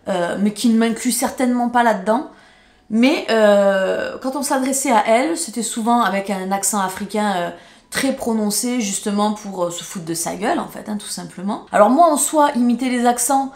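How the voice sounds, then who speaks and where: A woman's voice: fairly high pitch, normal speed, a little mellow. A woman from France telling a storytime vlog in an emotional, indignant way, swearing when she gets angry. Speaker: YouTuber. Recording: roomy echo.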